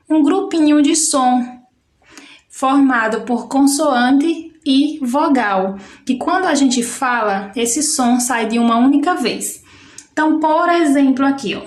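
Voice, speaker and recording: A woman's voice: sits high, roomy sound. A woman teacher gives a recorded lesson to young schoolchildren, patiently stretching out words to show the syllables. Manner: slow, patient, drawn-out syllables when demonstrating. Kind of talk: recorded classroom lesson for children.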